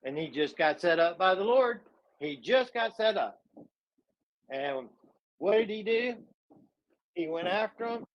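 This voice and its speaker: A man's voice: high-pitched, animated, unhurried, long pauses, no echo, muffled recording. A man retelling a scripture story in a fervent, preaching style, full of dramatic repetition.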